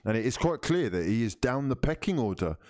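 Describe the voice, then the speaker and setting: A man hosting a live fan football watch-along, commentating in an informal, excitable, matey way. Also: medium pitch, brisk, dry recording, clean studio sound.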